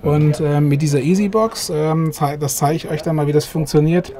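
Middle-aged sales guy showing off a camper, mellow kinda high voice, lots of ähms. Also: steady tone, moderate pace. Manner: pitching, filler-heavy with frequent ähm. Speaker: sales manager of a camper maker. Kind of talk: product walkthrough. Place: inside a camper van at an indoor trade fair.

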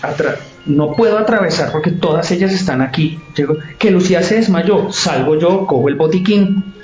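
A man's voice: fairly high pitch, normal speed, reverberant, faint music behind. A man, a theater director retelling events in an interview and acting out the voices of others. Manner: animated, acts out the voices of others. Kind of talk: storytelling interview.

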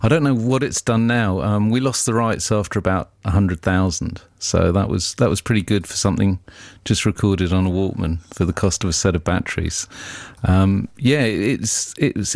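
A man's voice: sits low, normal speed, gravelly, hardly any pauses, a little mellow, dry recording. A man, a record label boss, telling stories as a guest in a radio interview, often laughing. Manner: chatty storyteller, laughs often.

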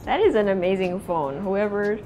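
On a low-quality recording with faint music, a young Filipino-accented woman hosts a chatty walkthrough of an empty house, inside and out, switching languages mid-sentence. Her mid-range voice is dark in tone and moderately paced.

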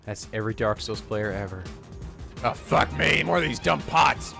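A man hosting a comedic let's play, talking in an animated, joking way and swearing often. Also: on the low side, normal speed, creaky, over music.

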